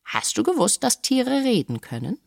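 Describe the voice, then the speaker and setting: A woman voicing a proud, clever female parrot who lectures insistently and squawks high bird calls, in an audiobook reading. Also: sing-song, moderate pace, vocal fry, no room sound, clean studio sound, heavily acted. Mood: bossy proud.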